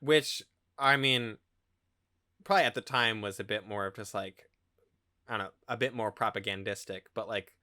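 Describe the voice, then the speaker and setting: Bright, dry-sounding man recapping a movie. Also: on the low side, normal speed, long pauses, no echo. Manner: loose, wry recapping with "like" and quoted lines. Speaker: podcast co-host. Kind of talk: casual film discussion.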